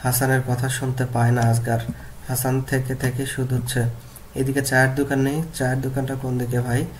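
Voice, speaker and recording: A man teaching a lesson, reading a story aloud and then explaining words and repeating them slowly to model their pronunciation. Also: medium pitch, monotone, slight background noise.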